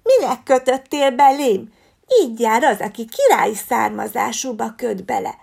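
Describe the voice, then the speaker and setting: A woman's voice: a little high, vocal fry, a little mellow, husky. A woman voicing a spoiled, haughty little fox girl who claims royal birth, talking in a whiny, snooty way.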